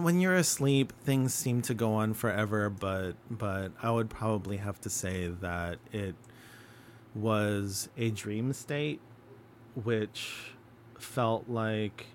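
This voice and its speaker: A man hosting a podcast, talking haltingly with many fillers and restarts, and dropping his voice low when he tells a story. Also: slight background noise. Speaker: podcast host. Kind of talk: casual podcast conversation.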